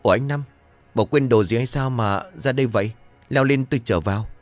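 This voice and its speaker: A man voicing a terrified young fisherman who whimpers and talks in a high, frantic rush. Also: fairly quick, faint music behind, close to an everyday voice. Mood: puzzled.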